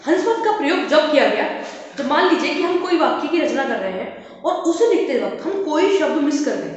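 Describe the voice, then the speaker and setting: A woman teaching a grammar lesson who keeps calling her viewers "friends" and explains each point slowly with examples. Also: high voice, lively intonation. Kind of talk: classroom-style grammar lesson. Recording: echoey, dull lo-fi room recording.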